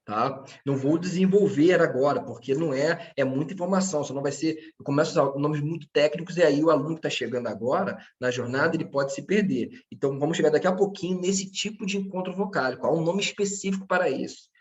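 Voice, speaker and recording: A man's voice: on the high side, quick pace, hardly any pauses. Patient man teaching a lesson. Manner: patient, checks in often with 'tá?'; speaks to his students directly. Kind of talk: online grammar lesson.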